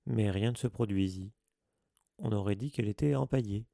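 Casting : narrateur masculin, timbre rocailleux, lecture de conte posée. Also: male voice, lowish voice, moderate pace, creaky, mellow, no echo, studio quality. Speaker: audiobook reader. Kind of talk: storybook narration.

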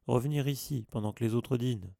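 A man voicing a stern, self-important teenage boy prefect who scolds loudly. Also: medium pitch, a little fast, vocal fry, no room sound, clean studio sound, natural voice. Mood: scolding. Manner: indignant, scolding.

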